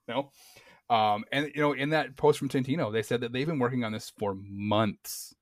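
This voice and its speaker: A man's voice: mid-range voice, normal speed, no room sound, clean studio sound. A man co-hosting a podcast, easygoing, reading posts aloud and chatting with plenty of ums. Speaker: podcast co-host. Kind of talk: casual chat.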